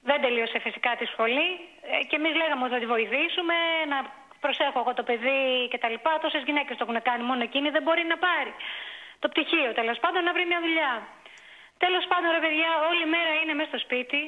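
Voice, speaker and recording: High-voiced woman on a tinny phone line. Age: 40s. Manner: exasperated, complaining storytelling with many fillers. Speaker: caller. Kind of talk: phone-in confession on a talk show.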